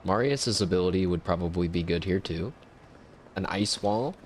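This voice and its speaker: A man gives casual let's-play commentary, chatty and self-mocking as he plays. His voice sits fairly low. A faint ambient hum runs behind him. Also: moderate pace. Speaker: gameplay commentator.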